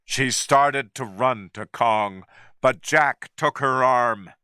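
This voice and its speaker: A man reading a story slowly and clearly for English learners. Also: mid-range voice, sharp tone, no echo, studio quality. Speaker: narrator.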